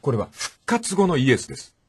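Brief: male radio host, husky, very lively storyteller voice. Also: on the high side, fairly quick. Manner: acts out the voices in the stories he retells. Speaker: radio talk show host. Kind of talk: animated storytelling commentary.

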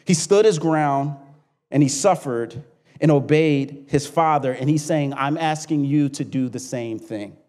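A man preaching a sermon as pastor. He moves from loud, high emphasis to relaxed, conversational storytelling. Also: a little slow, big-room sound. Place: church.

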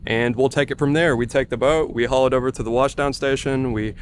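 Steady man explaining a service. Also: medium pitch, fairly quick, slight background noise. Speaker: boat club staff.

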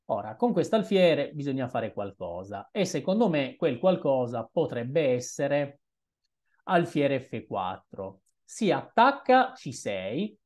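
A young man commenting on his own chess game as he plays, thinking aloud in an unhurried, musing way with hesitant asides, recorded on a webcam at a desk in a small room. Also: mid-range voice, sing-song, darkish tone. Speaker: chess streamer.

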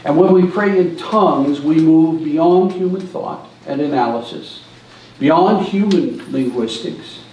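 Giving a church seminar talk, an older man tells stories unhurriedly from a lectern, gesturing in a large hall. His pitch is fairly high and a bit mellow, and the distant recording echoes with a little hiss or hum.

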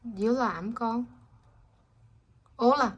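A young woman at home, gently asking her child questions in a casual home video. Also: fairly high pitch, takes it slowly, slightly rough, lo-fi sound. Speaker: parent talking with her child.

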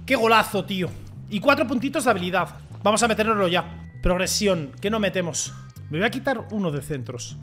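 A young man streams a football video game in a very high, bright voice, yelling at the referee and talking straight to his viewers. Soft game music plays under his excited commentary. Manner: shouts and yells at the referee, swears, talks to viewers. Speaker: gaming streamer.

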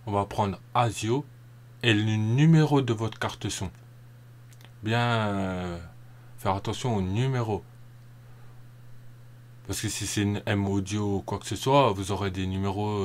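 A man with a somewhat low voice talks through a recording tutorial in a relaxed, rambling way. He trails off, repeats steps and fills gaps with hesitations. A faint hum runs under his home-made voice-over. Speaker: tutorial narrator.

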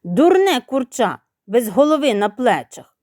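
A strict storybook father rooster voiced by a woman, firm and scolding. He speaks with animated rises and falls, and the voice sounds close and dry. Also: fairly high pitch, a little slow, no echo. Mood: stern. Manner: stern, scolding.

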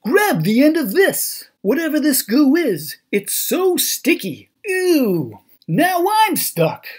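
A man voicing a plucky young egg boy sidekick with husky, urgent, squeamish shouts in a cartoon read-aloud. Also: extremely high pitch, huge pitch swings, takes it slowly, pitched above the performer's own voice, full character voice.

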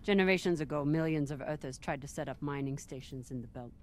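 An actress playing a stern, composed space captain in a video game, measured and commanding. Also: female voice, sits low, natural voice. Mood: composed, guarded.

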